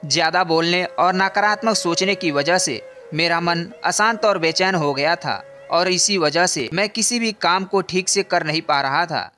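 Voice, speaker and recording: A man voicing a young prince in a storybook, calm and reflective, speaking in a steady, earnest way. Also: high voice. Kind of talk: scripted storybook narration.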